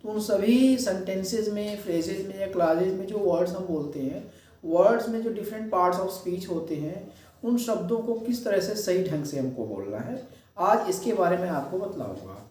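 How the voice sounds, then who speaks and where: A man giving a spoken English video lecture, explaining step by step, mixing Hindi with English phrases and slowing down to stress the English definitions. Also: high-pitched, animated, darkish tone. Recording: echoey, voice from a distance.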